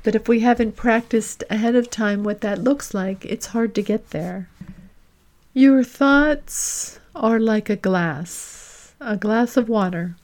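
Gentle and deliberate in the style of a podcast host, a woman leads a guided reflection with long reflective pauses; her voice sits a little high.

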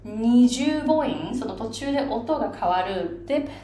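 A woman's voice: a little high, a little slow. Woman teaching in an echoey room. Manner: patient, lively teaching with many fillers; drops in English phrases. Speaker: English pronunciation coach. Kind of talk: explaining with a chart. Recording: echoey room, faint background noise.

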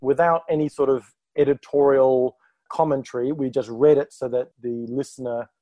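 Mellow-voiced man telling his career story. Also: medium pitch, fairly even intonation, normal speed, no room sound. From Malaysia. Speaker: guest speaker. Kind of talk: interview conversation.

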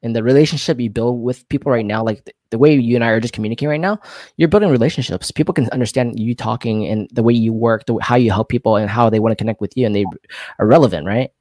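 A man hosting an interview, explaining points in quick lists and asking his guest questions. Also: mid-range voice, darkish tone, no room sound, studio quality. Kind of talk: casual interview talk.

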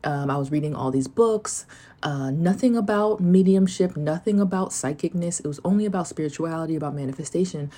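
Low-pitched American woman in casual, candid chat. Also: a little fast, dark tone. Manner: candid, informal, sweary, rambling asides. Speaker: host telling of a spiritual awakening. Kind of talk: casual solo chat, reading journal entries aloud.

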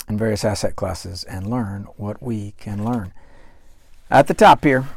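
A man's voice: mid-range voice, vocal fry, a little mellow, dry recording. A man hosting a finance podcast in a conversational manner, reading out news articles and speaking straight to the listener. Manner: conversational, reads quotes aloud and talks straight to the listener. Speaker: finance show host.

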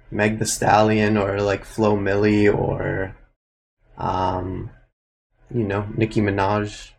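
A young man from Canada, a music producer answering interview questions in a relaxed way, thinking aloud with lots of fillers. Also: lowish voice, rough recording.

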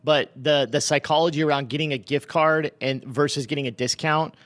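A man's voice: fairly high pitch, steady tone, brisk, fairly bright tone, no echo. A man co-hosting a casual business podcast, talking loosely with restarts and laughs. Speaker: podcast co-host.

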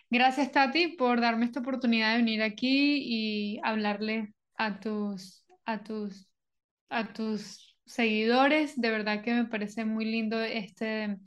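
Venezuelan woman guesting on a podcast, lots of ums, kinda high pitch. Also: highs cut off. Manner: hesitant, many fillers and restarts. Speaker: guest, doctor of Chinese medicine. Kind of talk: casual podcast interview.

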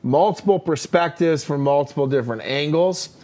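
A man with a slightly high voice talks at a normal speed, co-hosting a casual leadership podcast. His coaching style is energetic and emphatic, full of fillers and frequent "right?" check-ins.

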